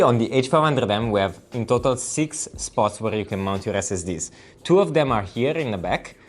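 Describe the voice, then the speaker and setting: A man's voice: lowish voice, slight background noise. A man with an Italian accent giving a friendly, step-by-step product walkthrough and talking to viewers as "guys". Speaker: product presenter.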